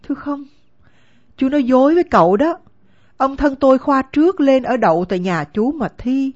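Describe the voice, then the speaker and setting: A woman's voice: high-pitched, expressive, moderate pace, a little mellow. A woman voicing a poor but proud young female servant in an audiobook, speaking firmly and indignantly, in a dull, lo-fi recording. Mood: explaining. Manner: firm, indignant. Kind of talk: audiobook character acting.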